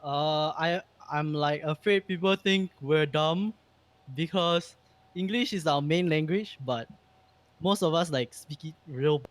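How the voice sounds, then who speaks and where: A man with a fairly high voice speaks in casual chat. He is informal, a bit hesitant and self-deprecating, with a dry, close sound. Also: measured pace, no room sound. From Singapore. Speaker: guest in the chat.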